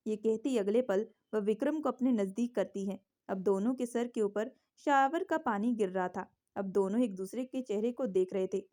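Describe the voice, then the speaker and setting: A woman narrates a romance story with scripted, steady delivery. Her voice is warm and mellow. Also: medium pitch.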